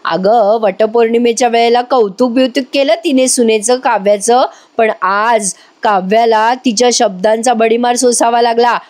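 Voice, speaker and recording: A woman's voice: on the high side, steady tone, normal speed, few pauses, a little mellow, lightly acted. A woman playing a bossy scheming old aunt.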